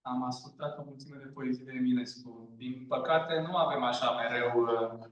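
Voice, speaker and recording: A man's voice: mid-range voice, steady tone, muffled recording. A man from a band introducing songs to an audience, earnest and a little hesitant. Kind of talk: informal stage talk to an audience. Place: large echoey hall. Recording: echoey hall from far off.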